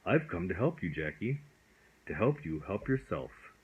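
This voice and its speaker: A man's voice: sits low, sing-song, normal speed, husky, phone-quality sound, exaggerated voice. A man voicing a friendly, whimsical magic dragon in a storybook, with polite, quaintly formal talk. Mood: kindly.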